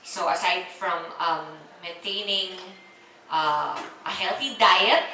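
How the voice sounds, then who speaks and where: A Filipino-accented woman in her forties presents a product live to an audience, chatty and teasing as she keeps them answering her questions. Her voice is on the low side, slow, and sharp in tone. She sounds far off in an echoey hall, with faint ambience and slight background noise.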